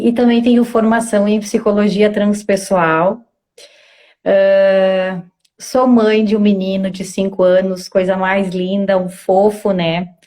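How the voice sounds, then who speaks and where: Woman psychologist speaking hesitantly as a guest. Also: mid-range voice. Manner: warm, hesitant, many fillers. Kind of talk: casual interview talk.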